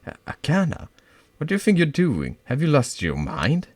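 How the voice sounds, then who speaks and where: A man with a low voice, big pitch swings, and an exaggerated delivery takes his time voicing a frightened, hurt teenage schoolgirl. She's distressed, stammering and pleading, her words rising to shouts. The recording is dry.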